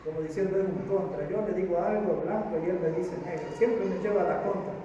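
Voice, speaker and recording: High-voiced Argentine pastor in an echoey hall. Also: male voice, fairly quick, dark tone, a little hiss or hum. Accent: Rioplatense Spanish. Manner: preaching, acting out biblical dialogue with rising emphasis. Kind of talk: sermon. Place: church hall. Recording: echoey church hall from far off, dull sound.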